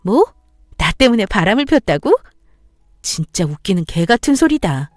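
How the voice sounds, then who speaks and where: A woman acting out a betrayed wife who shouts back with cutting retorts, in a story-radio reading. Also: medium pitch, sing-song, moderate pace, dry recording, clean studio sound, faint music behind, natural voice. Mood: furious. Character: betrayed furious young wife, sharp-tongued.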